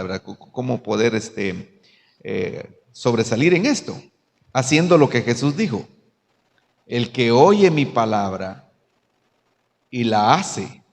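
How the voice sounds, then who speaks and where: Man, pastor, animated storytelling, reverberant room. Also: mid-range voice, gravelly. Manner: animated storytelling, acting out dialogue. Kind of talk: church panel talk.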